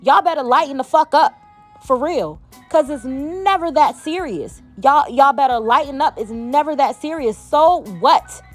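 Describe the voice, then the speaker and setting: A woman's voice: sits high, measured pace, faint music behind. A woman vlogger in a heated, profane commentary rant, talking emphatically.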